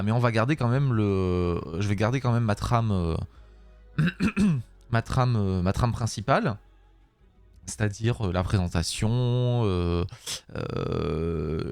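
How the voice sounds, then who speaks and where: A man streaming live, chatting casually with a voice worn out and hoarse, rambling with many fillers and the odd curse. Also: on the low side, lively intonation, moderate pace, no echo, faint music behind. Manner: rambling, swears at his software, frequent fillers and laughs.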